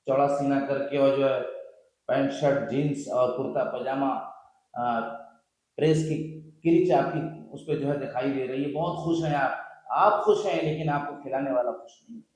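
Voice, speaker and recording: A man's voice: on the high side, darkish tone. Male vlog host, preachy and repetitive sermon delivery, recorded in a heavily echoing room. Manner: preachy, repeats lines for emphasis. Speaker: video host. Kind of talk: impassioned social sermon. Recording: very echoey room.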